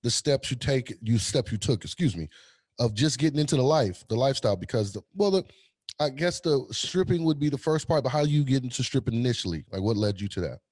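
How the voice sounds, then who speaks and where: A male podcast co-host speaks in a middle-pitched voice, chatty and loose, often stumbling and restarting his questions. The recording is close and dry, with no room sound. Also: lively intonation, quick pace, darkish tone, dry recording. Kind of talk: casual interview hosting.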